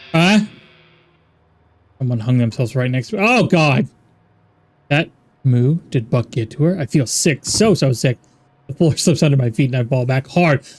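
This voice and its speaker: A man's voice: medium pitch, a little mellow. A man playing a game on video, reading the dialogue and narration aloud with wry, exasperated quips. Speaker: gaming YouTuber.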